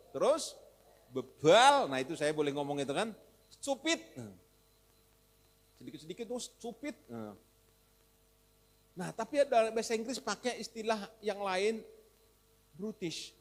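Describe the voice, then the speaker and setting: A man pastor with a Javanese accent preaching a sermon in a lively, teasing way, mixing in Javanese and English words and rising to shouts for emphasis. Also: on the high side. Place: church hall. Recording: echoey church hall.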